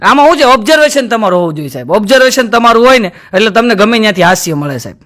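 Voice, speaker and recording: High-voiced man doing stand-up. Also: sing-song, very fast, a bit bright. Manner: storytelling, addresses audience as sir, mimics voices. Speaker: stand-up comedian. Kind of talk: live stand-up jokes and moral talk. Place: stage before a live audience.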